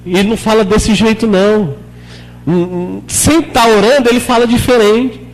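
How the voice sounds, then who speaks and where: Soft music plays behind this pastor's steady, measured sermon, captured in a low-quality recording of a large hall. Speaking to the congregation in a conversational way, he poses frequent questions, and he lowers and softens his voice to act out prayers in the church hall.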